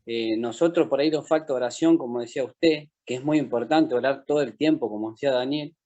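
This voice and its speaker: A man's voice: mid-range voice, a little fast, warm tone, muffled recording. A man, a street evangelist, asking his pastor a question in a conversational way and often tagging phrases with a question. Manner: conversational, tags phrases with "verdad".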